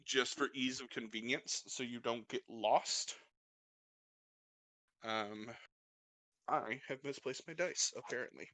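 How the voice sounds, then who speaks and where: A man narrating a tabletop game as game master, relaxed and hesitant with many fillers. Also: mid-range voice, takes it slowly, long pauses, no echo.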